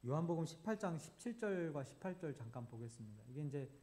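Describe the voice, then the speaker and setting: A male pastor delivers a sermon with earnest, vivid storytelling. His speaking voice sits a little higher than most men's. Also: big pitch swings, fast talker, a little mellow.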